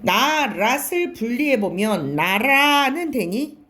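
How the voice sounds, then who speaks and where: A woman's voice: on the high side, sing-song, slow pace, a bit bright. A woman teaching a classroom lecture, asking questions and answering them herself, and repeating and stretching key words. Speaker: Korean language teacher.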